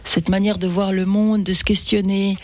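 Speaking at a moderate pace with a level tone and medium pitch, a Fula-native woman singer chats as an interview guest; there's no echo. She keeps stopping and starting over, repeating words hesitantly.

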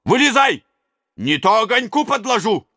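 A man's voice: mid-range voice, sing-song, measured pace, sharp tone, no room sound, studio quality. A man voicing an agitated middle-aged male servant, superstitious and blustering, with folksy exclamations.

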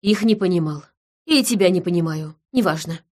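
A woman voicing a gruff, brooding man feared as a monster, speaking low and hushed in an audiobook reading. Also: animated, a little fast. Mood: weary.

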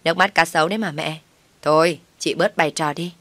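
A woman's voice: low-pitched, brisk, fairly bright tone, dry recording. A woman voicing a spiteful young sister-in-law with a sneering, whiny way of talking.

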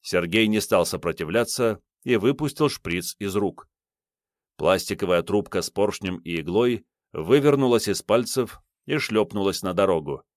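A man narrating an audiobook in a steady storytelling manner. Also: on the low side, normal speed, no echo, clean studio sound.

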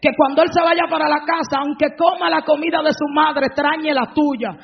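A woman preaching a fervent sermon, breaking into shouted praise, on a dull lo-fi recording. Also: sits high, fairly even intonation, moderate pace, gravelly, in a large hall.

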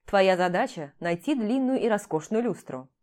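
A woman's voice: medium pitch, lively intonation, moderate pace, darkish tone, lightly acted. Woman reading a cocky, teasing young man. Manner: playful, provocative banter. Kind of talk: audiobook character reading.

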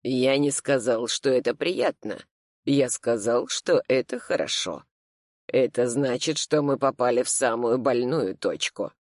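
A reader voicing a composed middle-aged male lawyer who gives clear, steely instructions. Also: mid-range voice, lively intonation, darkish tone, dry recording, studio quality, pitched below the performer's own voice, close to an everyday voice. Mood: firm. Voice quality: measured, steely.

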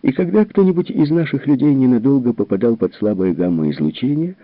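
A man's voice: medium pitch, animated, brisk, no echo, pitched above the performer's own voice. A man reading aloud who voices a worried, troubled general explaining things earnestly, on a tinny narrow-band recording. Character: worried, troubled middle-aged male general.

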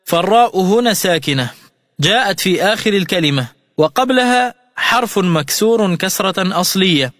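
A man teaching Quran recitation rules on a radio lesson, methodical and repeating each rule slowly. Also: high-pitched, animated, fairly bright tone, soft background music. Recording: studio radio voice with long reverb.

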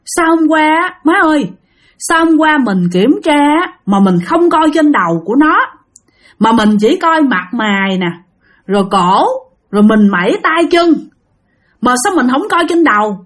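A woman's voice: high-pitched, very animated, unhurried, exaggerated voice. A woman with a Southern Vietnamese accent voicing a dead man's suspicious relatives, who urge one another to act. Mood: alarmed. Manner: alarmed, urgent.

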